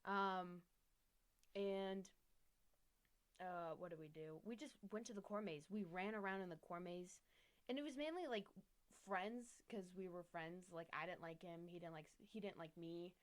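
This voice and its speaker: A woman's voice: lowish voice, a little slow. Giggly young woman rambling a story. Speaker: podcast co-host. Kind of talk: casual chat.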